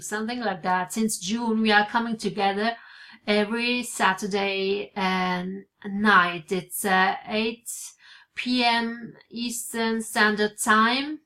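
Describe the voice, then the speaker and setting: This is a casual vlog from an indoor home office with bookshelves, picked up by a webcam on the desk. The speaker, a woman in her forties born in Italy and raised in Switzerland, has a mid-range, fairly bright voice and an Italian accent in English. She sounds hesitant, restarting often and leaning on fillers.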